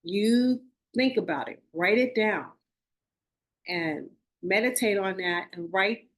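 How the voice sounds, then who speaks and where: A woman's voice: medium pitch, slow pace. A woman in her forties hosting a spiritual podcast, talking earnestly to her listeners and often restarting and correcting herself. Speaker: podcast host. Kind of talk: casual spiritual talk.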